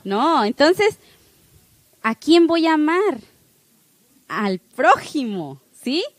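A woman's voice: high voice, sing-song, very slow, no echo. A woman giving a parish catechesis talk, chatty and full of rhetorical questions to her listeners.

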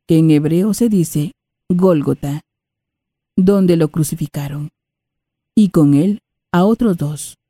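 A woman reading scripture in a slow, measured way. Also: deep voice, mellow, no room sound. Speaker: scripture reader.

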